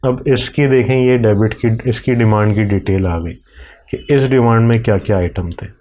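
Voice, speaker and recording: A man with a Pakistani accent slowly walking through a software screen recording, step by step. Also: fairly low pitch. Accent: Urdu-Hindi speaking, Pakistani. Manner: slow, step-by-step explaining while clicking. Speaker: software tutorial presenter.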